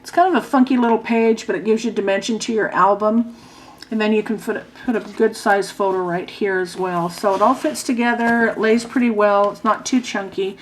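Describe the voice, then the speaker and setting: A hoarse woman giving a casual craft walkthrough as an instructor, speaking stiffly with a sore jaw and a dry mouth. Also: mid-range voice, steady tone, fairly quick, a little hiss or hum, poor audio. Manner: stiff-jawed speech, as with a sore, wired jaw. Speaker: craft class instructor presenting a tutorial.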